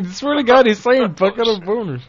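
A man's voice: high-pitched, animated, normal speed, breathy edge. Self-mocking male show host. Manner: self-mocking, laughing, swearing. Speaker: host of a prank-call show. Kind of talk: casual banter. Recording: dull lo-fi audio.

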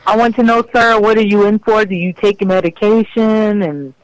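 A woman's voice: medium pitch, steady tone, normal speed, no room sound, rough recording. Earnest caller, a woman in a dry sound. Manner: earnest, questioning. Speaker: phone call recipient. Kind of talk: polite casual phone conversation.

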